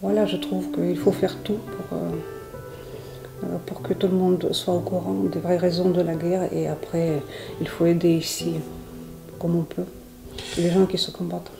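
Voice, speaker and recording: Interviewee: middle-aged woman, Ukrainian accent, lowish flat voice, echoey room, music bed. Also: gravelly. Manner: earnest, halting with many restarts. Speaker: interviewee, volunteer. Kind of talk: interview answers.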